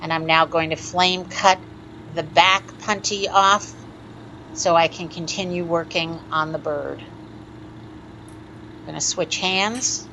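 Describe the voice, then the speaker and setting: A woman teaching a step-by-step glass sculpting lesson, explaining each move in a calm, methodical way. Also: fairly low pitch, a little slow, a little hiss or hum, rough recording. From United States. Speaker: glass artist teaching a lampworking demo. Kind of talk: step-by-step tutorial narration.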